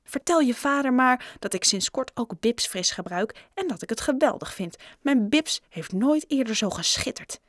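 A woman puts on an eager storybook shopkeeper, a grown man who never stops pitching deals. His patter comes raised and loud, bright and close. The voice sits dry against the mic, with no room around it. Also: animated, normal speed, few pauses, dry recording, lightly acted. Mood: eager salesman. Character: chatty grown male shopkeeper, pushy salesman.

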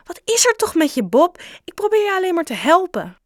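A woman's voice: mid-range voice, expressive, normal speed, no room sound, studio quality, natural voice. A woman voicing an irritable, angry schoolboy who snaps his lines in a children's audiobook. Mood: placating. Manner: curt and snapping. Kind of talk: audiobook character voice.

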